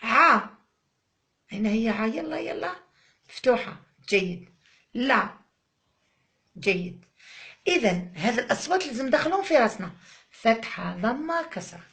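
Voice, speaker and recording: A woman's voice: on the high side, sing-song, normal speed, long pauses. A woman with an Algerian Arabic accent teaching a phonics lesson to young children, drawing out each syllable and coaxing and praising the child.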